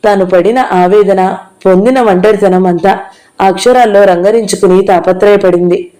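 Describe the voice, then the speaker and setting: Mellow-voiced woman reading a novel aloud. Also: medium pitch, steady tone, moderate pace, rough recording. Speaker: audio novel narrator. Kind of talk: scripted narration of a novel.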